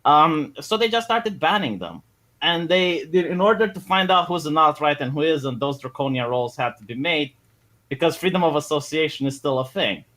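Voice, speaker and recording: Casting: male guest debater, slightly high voice, bright tone, keeps stumbling over his first words. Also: normal speed. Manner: stammering restarts, animated. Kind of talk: casual livestream debate.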